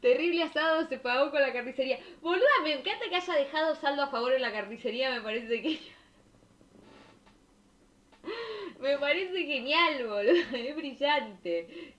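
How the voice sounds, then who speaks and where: Young woman, Rioplatense accent, a bit high-pitched, lively and slangy reaction host, muffled sound. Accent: Rioplatense Spanish. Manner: expressive, slangy, laughing and exclaiming. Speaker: streamer reading viewer stories. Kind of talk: casual chat reacting to stories.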